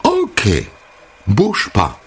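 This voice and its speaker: A woman's voice: fairly low pitch, wildly swooping pitch, extremely slow, heavy background noise, pitched above the performer's own voice, heavily acted. A man voicing a bubbly, chatty young American hairdresser woman who gushes and stammers slightly. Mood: gushing. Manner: gushing, effusive, stammers slightly.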